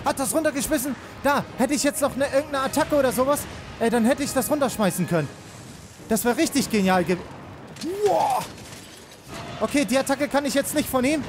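A young man giving excitable live commentary on a game he is playing, rapidly repeating words and mixing in English slang. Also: very high voice, noisy background. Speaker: let's player. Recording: game music behind.

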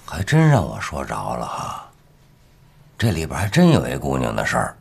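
A man's voice: rumbling low, wildly swooping pitch, normal speed, gravelly, slightly rough, exaggerated voice. An actor playing a blunt, sarcastic retired father-in-law over sixty, in a TV drama. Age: older. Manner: scolding, sarcastic. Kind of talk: TV period drama acting.

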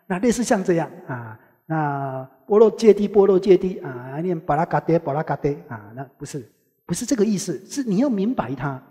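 A man giving a rambling Buddhist scripture lecture, opening many phrases with a drawn-out "ah" and chanting bits of mantras as he goes. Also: warm tone. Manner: chants mantras in passing, rising in pitch when making a point. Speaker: Buddhist teacher. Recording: long hall reverb.

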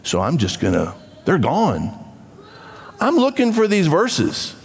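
A man preaching a church sermon as pastor, emphatic and animated, with offhand asides. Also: on the high side, slow pace, slightly rough, in a large hall. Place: church sanctuary.

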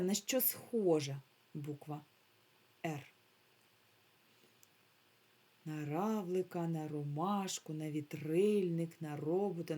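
Slow, husky-voiced woman teacher. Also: deep voice, mellow. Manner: slow, carefully drawn-out words, modeling sounds for children. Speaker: primary school teacher. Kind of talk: remote phonics lesson for young children.

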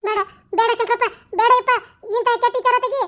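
Squeaky old village mom in a cartoon, north karnataka accent, wails n begs, bright piercing voice. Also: little pitch movement, fast. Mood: pleading. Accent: North Karnataka Kannada. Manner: wailing, pleading. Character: old village mother, anxious and doting. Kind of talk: cartoon voice acting.

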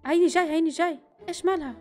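A young woman giving excitable let's-play commentary, with bursts of screaming and quick whispers. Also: extremely high pitch, faint music behind. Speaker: gaming YouTuber.

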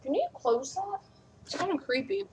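A woman's voice: very high-pitched, expressive, normal speed, noisy background. A woman rambling casually in a vlog while eating and coughing, talking with her mouth full. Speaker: vlogger.

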